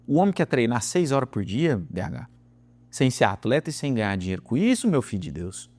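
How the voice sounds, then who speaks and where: A man with a Brazilian Portuguese accent giving an informal psychology lecture, colloquial and emphatic, with slangy asides and big swings in pitch and loudness. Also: sing-song, fairly quick. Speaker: psychology course instructor.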